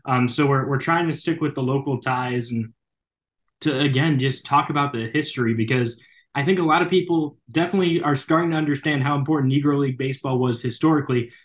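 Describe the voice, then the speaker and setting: A man's voice: mid-range voice, fast. A young adult man, a baseball broadcaster, chatting as a podcast guest with lots of fillers and restarts. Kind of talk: casual interview chat.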